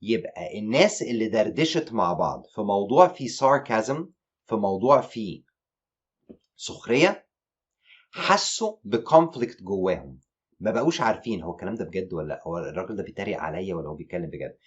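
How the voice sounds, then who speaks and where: A man with an Egyptian Arabic accent teaching an online exam-prep lecture, animated and mixing English terms into his explanations. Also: lowish voice, a little fast, slightly rough, dull audio.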